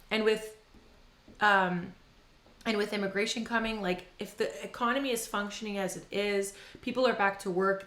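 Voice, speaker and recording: Bright-voiced woman podcast co-host, echoey room. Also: mid-range voice. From Ontario, Canada. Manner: laughs often, excitable, reacting to spicy food. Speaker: podcast co-host, real estate agent. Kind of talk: casual chat while eating hot wings.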